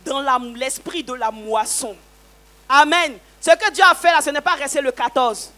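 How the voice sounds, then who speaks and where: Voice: sits high, normal speed, bright, forceful tone. A church service leader guiding the testimony, calling out amen and hallelujah in response.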